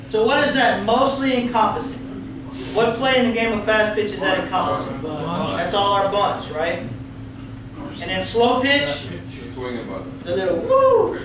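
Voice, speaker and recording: A high-sitting male voice belongs to a middle-aged Texan leading an umpire clinic in a spacious meeting room, where he coaches, puts questions to the crowd and cracks down-home jokes. There's background noise, and the far-off room camera, no microphone visible, yields a very echoey recording.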